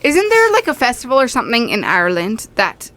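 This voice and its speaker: A woman's voice: a little high, wildly swooping pitch, a little fast, fairly bright tone. A woman in her thirties, a guest on a casual podcast, chatty and teasing with plenty of fillers. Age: 30s. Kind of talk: casual chat.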